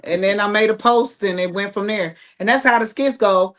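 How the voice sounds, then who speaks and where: An American woman with a mid-range, fairly bright voice speaks at a moderate pace as a playwright and creator guesting on a casual panel. Her manner is informal and conversational.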